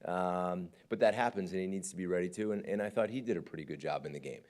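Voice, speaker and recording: A man's voice: low voice, quick pace, darkish tone. A man, a football defensive coordinator, answering reporters' questions candidly and conversationally at a press conference. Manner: candid, conversational, often asks "right?".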